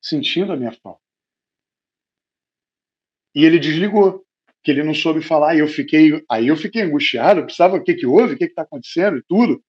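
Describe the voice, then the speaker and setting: A man's voice: a little high, brisk, long pauses, dull audio. A middle-aged man with a Brazilian Portuguese accent preaching, telling an emotional personal story to his congregation. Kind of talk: sermon testimony.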